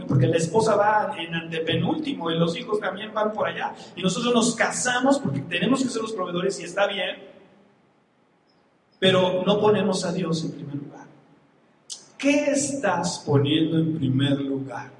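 A man delivers a sermon in a notably high voice. He talks in an animated way, throwing rhetorical questions at the congregation. The sound rings with the long echo of a large hall. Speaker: preacher. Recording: echoey hall, faint background noise.

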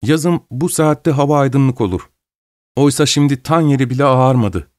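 A man's voice: medium pitch, moderate pace, a little mellow, no echo, clean studio sound, voice pushed up, lightly acted. A man voicing a polite young male student making courteous small talk. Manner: courteous, chatty.

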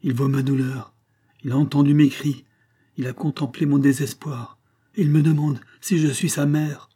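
A man's voice: fairly high pitch, steady tone, moderate pace, dark tone, breathy edge, pitched above the performer's own voice. A man voicing an anguished noblewoman, a grieving mother who pleads in emotional outbursts in a storybook reading.

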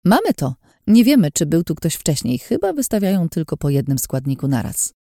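A cheerful young adventurer in an audiobook, voiced by a woman reading the story, her upbeat line a touch higher and louder than the narration. The tone is mellow and dark, and the recording is close and dry. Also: sing-song, fairly quick, no room sound, exaggerated voice. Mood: excited.

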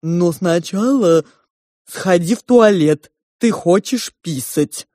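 Lady putting on a slow pompous pig with two heads, low-key dark voice, drags every word. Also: expressive, no echo, clean studio sound. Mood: ponderous. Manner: slow, ponderous, drawn-out speech. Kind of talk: audiobook character voice.

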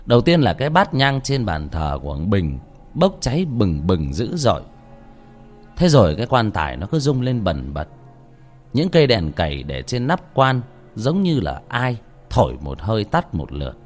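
A man's voice: fairly low pitch, wildly swooping pitch, moderate pace. A man narrating a ghost story in a dramatic, suspenseful way. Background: faint music.

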